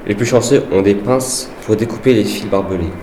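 A man giving an earnest, measured dramatized reading of a wartime letter. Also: on the low side, warm tone, slight background noise. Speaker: reader of a soldier's letter. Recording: echoey room with faint background ambience.

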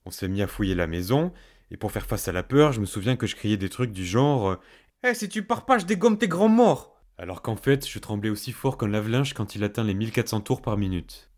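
A man's voice: fairly low pitch, a little fast, a little mellow. A young man narrating a first-person story in a fireside storytelling style, with a colloquial, self-mocking comic touch. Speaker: host and storyteller.

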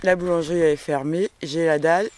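A man's voice: fairly high pitch, fairly even intonation, fast talker, a little hiss or hum. A man recording a casual spoken diary outdoors in the countryside, grumbling in slang about being bored.

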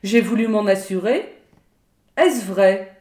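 A woman's voice: medium pitch, expressive, slow, mellow. A woman voicing a stern, blunt man who questions and warns firmly, in an audiobook reading. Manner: firm, admonishing. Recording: roomy echo.

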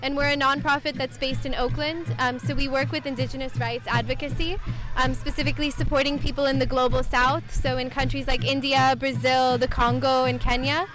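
A woman's voice: sits high, level tone, moderate pace, over music. A woman giving an informal spoken introduction as spokesperson for a nonprofit.

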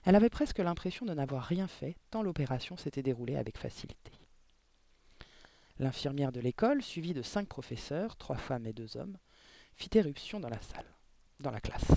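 A man reading a children's novel aloud in a measured way, adding short explanatory asides. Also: a little high, sing-song, vocal fry, warm tone. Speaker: audiobook narrator.

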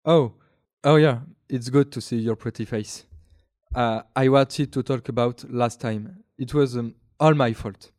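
A man's voice: mid-range voice, a little slow, a little mellow, dry recording, clean studio sound, natural voice. A man playing a clumsy, regretful young boyfriend. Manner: hesitant, self-blaming. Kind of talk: student audio drama acting.

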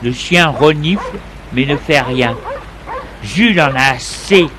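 A man reading a story aloud in a slow, deliberate way. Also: on the high side. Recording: steady background noise.

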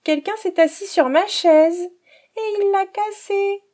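A woman voicing a tiny baby bear in a storybook reading, with a squeaky, very high childlike voice. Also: slow, darkish tone. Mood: upset.

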